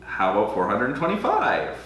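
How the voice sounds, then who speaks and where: A man's voice: medium pitch, wildly swooping pitch, moderate pace, a bit bright, a little hiss or hum. A young man from Alberta, Canada, hosting a charity auction on a livestream, chatty and self-deprecating, often hesitating with ums. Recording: very echoey room.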